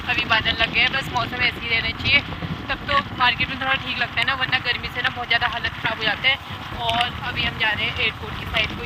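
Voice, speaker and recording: A woman's voice: fairly high pitch, heavy background noise. A woman in her thirties with an Uttarakhandi Hindi accent, chatting casually through a family vlog and rambling with lots of filler. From Uttarakhand, India. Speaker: family vlogger. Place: outdoors in traffic and at home.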